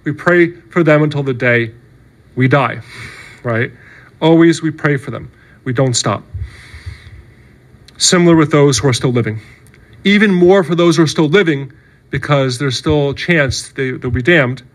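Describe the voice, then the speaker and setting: A man's voice: fairly high pitch, unhurried, long pauses. A male priest giving a sermon in an earnest, conversational way, often checking in with "right?" and "okay". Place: church.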